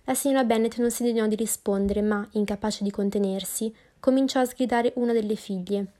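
A woman narrating a classic novel as an audiobook, reading calmly and evenly. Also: mid-range voice, brisk.

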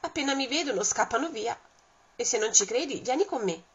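A small clever mouse who boasts that the whole forest fears him, as a woman reads him aloud. His voice is high and cheeky with a husky edge. The sound is dull and lo-fi. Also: expressive, a little fast. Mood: boastful.

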